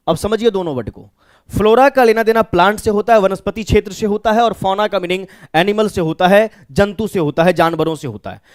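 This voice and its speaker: A man's voice: sits high, clean tone, no room sound, clean studio sound. A man with a Bihari accent teaching an exam-prep vocabulary lesson. He explains step by step, asking questions and answering them himself.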